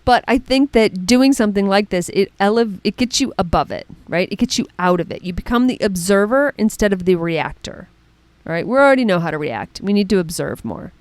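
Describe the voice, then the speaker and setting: A middle-aged woman coach giving a casual spoken lesson, chatty and animated, often checking in with "right?" and "okay?". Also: mid-range voice, a little fast, no echo. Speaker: mental performance coach.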